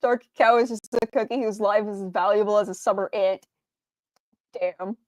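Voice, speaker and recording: A woman's voice: medium pitch, fairly even intonation, moderate pace, a little mellow, no room sound. A young adult woman streamer doing game reaction commentary, ranting in an exasperated tone and swearing freely.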